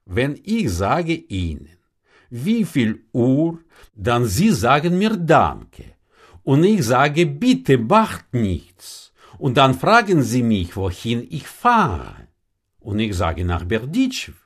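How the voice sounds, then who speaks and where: A wry old traveler speaks in unhurried, sighing explanations and answers questions with questions, as a man puts him on. His pitch rises and falls sharply, and he takes his time. He sounds patient and shrewd. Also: huge pitch swings, breathy edge, heavily acted. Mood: knowing.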